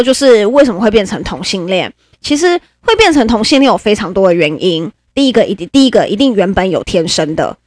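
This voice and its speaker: Podcast host: woman, animated and swooping, dry close recording. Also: medium pitch, no room sound. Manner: animated, chatty, laughs often. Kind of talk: casual storytelling podcast.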